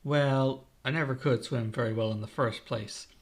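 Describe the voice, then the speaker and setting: A man's voice: mid-range voice, steady tone, moderate pace, lightly acted. A man voicing a playful, easygoing young boy with an offhand tone.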